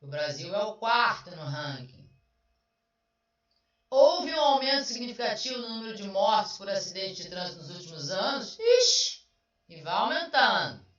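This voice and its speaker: A woman teacher goes through exam answers step by step, chatty and questioning. Her voice is bright and keen. It sounds dull and far from the mic, in a very echoey room. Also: mid-range voice, big pitch swings, moderate pace. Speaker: Portuguese language teacher. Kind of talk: online exam review lesson. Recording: roomy, distant, dull sound.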